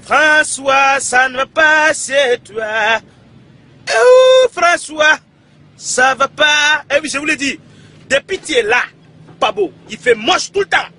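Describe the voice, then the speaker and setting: A man playing a loud, indignant character who shouts complaints and insults at the president in a comedy sketch. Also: on the high side, moderate pace, breathy edge, pitched above the performer's own voice. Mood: ranting.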